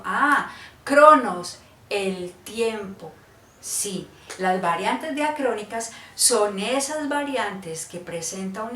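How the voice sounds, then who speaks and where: Heard from a distance on a roomy, off-mic recording with faint ambience, this woman from Cali, Colombia, teaches a lesson in a relaxed, talkative manner. She has a mid-range, slightly bright voice and keeps checking understanding with "¿sí?"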